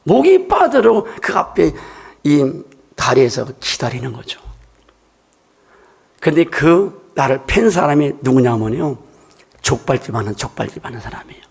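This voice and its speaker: An older man preaches a sermon in a church, talking to his congregation like a storyteller. His voice is raspy with a gravelly edge. He pitches it a little high and moves it up and down a lot as he makes his points. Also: sing-song, normal speed, pauses often. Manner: storytelling preacher, conversational and emphatic. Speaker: pastor.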